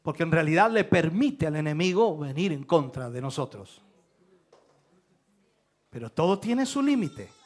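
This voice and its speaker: A man from Chile, preaching a sermon in church with dramatic bursts of shouting. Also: fairly high pitch, big pitch swings, a little slow, pauses often. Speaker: pastor.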